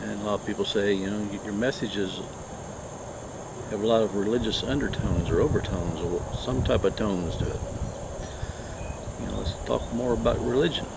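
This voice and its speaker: A man chatting casually and haltingly through a cigar review, rambling from one thought to the next. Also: gravelly. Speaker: cigar review vlog host. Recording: noisy low-quality mic, outdoor insects and traffic.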